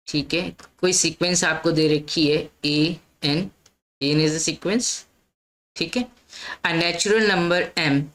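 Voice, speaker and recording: A woman's voice: low voice, fairly bright tone, low-quality recording. A woman teaching a maths lesson, explaining step by step and often checking in with her listeners. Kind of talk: lecture mixing Hindi and English.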